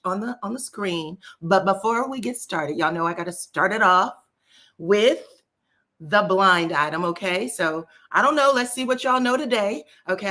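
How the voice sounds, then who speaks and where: This woman's voice sits in the mid-range with a slightly bright edge. She's a celebrity gossip YouTuber running a casual live-stream chat, speaking in a scratchy, folksy voice straight to her viewers.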